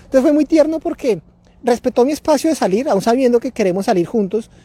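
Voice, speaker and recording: A man's voice: very high-pitched, lively intonation, fast talker, mellow, slightly rough. A man speaking outdoors in a neighborhood, hosting a parenting talk in a casual, reflective way, often repeating and restarting his words. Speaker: parenting podcast host.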